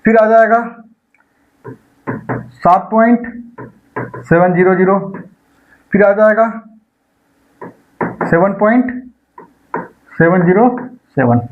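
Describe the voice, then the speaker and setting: A man's voice: high voice, narrow, tinny audio. A man teaching an online maths lecture for an exam. He explains each step and keeps asking his students rhetorical questions. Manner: repeats numbers slowly while working problems.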